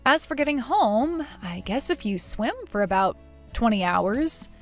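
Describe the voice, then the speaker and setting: A woman voicing a cool, cutting young woman who mocks in a dry, measured way, in a read-aloud text story. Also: a little high, expressive, soft background music. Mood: sarcastic.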